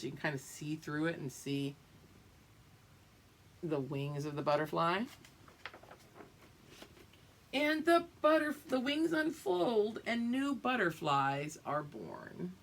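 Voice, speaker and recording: A low-pitched woman reads a picture book to a group of young pupils while a faint hiss or hum runs beneath her. She draws the tale out with expression, explaining things and checking that the kids understand.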